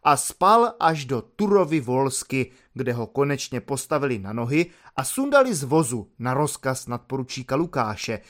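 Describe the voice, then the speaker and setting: A man narrating a novel as an audiobook in a lively, expressive storytelling manner. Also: mid-range voice, hardly any pauses.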